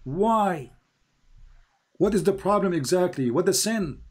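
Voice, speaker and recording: Speaking a little slowly but with animation, this Arabic-native male host argues with a caller. He leans on repeated phrases for emphasis, and his pitch climbs high whenever he pushes a question.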